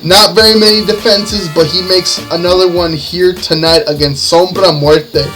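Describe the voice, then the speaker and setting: A lucha libre announcer calls wrestling play-by-play in short, building phrases while music plays behind him. His voice is high and sharp, with fairly even intonation and a moderate pace.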